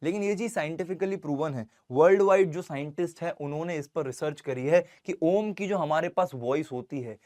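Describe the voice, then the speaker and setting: A young man teaching an online science class, chatty and informal with his students, reading English lines slowly and deliberately. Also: on the high side, a little mellow. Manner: chatty, addresses students as bhai and beta.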